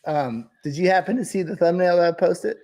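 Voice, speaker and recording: A man's voice: high-pitched, brisk, a little mellow. Casual, folksy man chatting. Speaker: podcast co-host, volume photographer. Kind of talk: casual chat.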